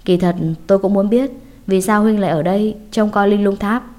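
Woman voicing a frank, mellow young Taoist exorcist. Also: mid-range voice, steady tone, brisk, close to an everyday voice. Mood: amused.

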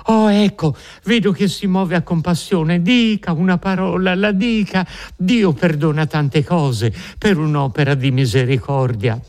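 A frightened young peasant woman, as a male reader puts her on, her voice pitched high and trembling with desperate pleading. She speaks slowly, imploring her captor for mercy in a storybook reading. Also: a little mellow, lightly acted.

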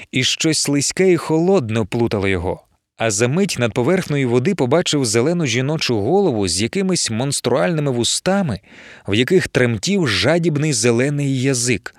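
A man reading a novel aloud as an audiobook narrator, expressive storytelling. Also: mid-range voice, fairly quick, dry recording, clean studio sound. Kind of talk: scripted narration.

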